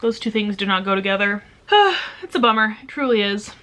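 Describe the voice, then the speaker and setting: A woman's voice: medium pitch, very animated, brisk, fairly bright tone. A woman in her twenties chatting casually in a home book vlog, rambling and self-deprecating. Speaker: book vlogger. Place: home room indoors.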